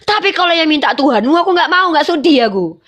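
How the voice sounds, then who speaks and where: A woman's voice: high-pitched, lively intonation, fast, fairly bright tone. A woman in a heated religious debate, talking emphatically and acting out quoted dialogue as she argues. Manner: emphatic and argumentative. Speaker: livestream debater.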